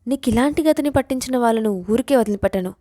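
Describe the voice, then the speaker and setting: A woman's voice: fairly high pitch, quick pace, dark tone, no room sound, clean studio sound, natural voice. A woman voicing a pleading anxious mother. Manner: anxious, begging. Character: worried pleading middle-aged mother.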